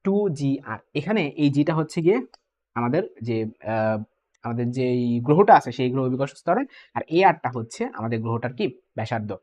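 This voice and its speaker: A man's voice: mid-range voice, lively intonation, darkish tone. A young man teaching physics in an exam-prep lecture, mixing in English terms and often checking in with the students. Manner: brisk, keeps asking "ঠিক আছে?", mixes English terms. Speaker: physics tutor.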